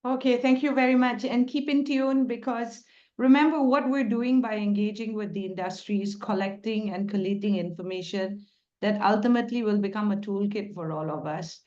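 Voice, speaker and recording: A woman speaks as a webinar host on a video call. Her phrasing is semi-formal and deliberate, with emphatic repetition, and the sound is dull and lo-fi, at a middling pitch. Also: steady tone, a little mellow. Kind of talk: semi-formal online event hosting.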